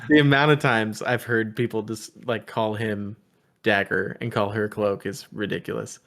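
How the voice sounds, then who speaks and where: A man's voice: fairly low pitch, fairly even intonation, normal speed, fairly bright tone. A man co-hosting a casual gaming podcast, reading viewer comments aloud in an easygoing way. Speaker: podcast co-host.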